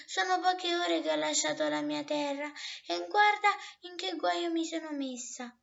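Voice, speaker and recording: Woman doing a little scared potato girl, squeaky high, slow, kinda muffled recording. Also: gravelly, fairly bright tone, exaggerated voice. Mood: dismayed. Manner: high, eager and frightened. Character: small, curious, timid young female potato.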